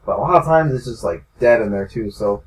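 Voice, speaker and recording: A man's voice: lowish voice, expressive, fairly quick. A young man co-hosts a loose wrestling podcast, moving the chat along and laughing easily. He sits back from the microphone, so his voice comes across thin and distant. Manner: laughs often, leads segments. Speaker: podcast co-host. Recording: roomy mic from a distance.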